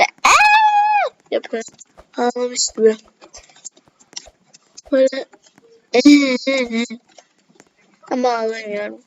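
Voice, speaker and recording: Excitable woman gaming, slow lo-fi. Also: fairly high pitch, gravelly. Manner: excitable, talks to viewers, breaks into shrieks and gasps. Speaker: gaming YouTuber. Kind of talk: casual let's-play commentary. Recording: slightly dull lo-fi with faint hiss.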